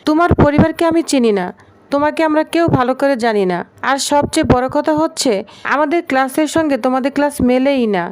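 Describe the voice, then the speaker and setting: Brief: angry strict father, scolding; a woman voicing him in her own high voice. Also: fast talker, natural voice. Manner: scolding, stern.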